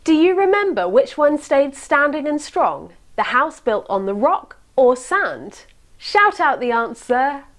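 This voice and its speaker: Lively young woman leading children's church. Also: high voice, unhurried. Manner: bright, lively, talks to children at home. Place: indoors, plain wall.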